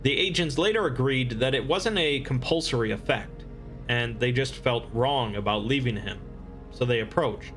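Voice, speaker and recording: A man reading scripted explainer narration in a measured, expository manner. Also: mid-range voice, a bit bright, faint music behind.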